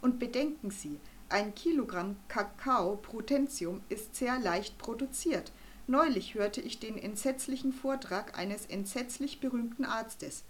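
A woman voicing a stern, pompous male doctor who lectures gruffly in an audiobook reading. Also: fairly high pitch, a little slow, a little hiss or hum, natural voice. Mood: confiding. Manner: gruff, lecturing, then conspiratorial.

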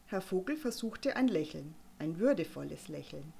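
A woman reading a children's story aloud, expressive and playful. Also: low voice, moderate pace, creaky, a little hiss or hum. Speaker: narrator.

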